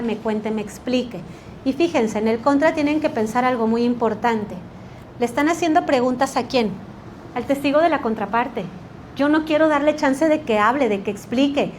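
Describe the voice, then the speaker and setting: A woman teaching a litigation workshop, energetic and quizzing the class with rhetorical questions. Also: sits high, slight background noise. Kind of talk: workshop lecture.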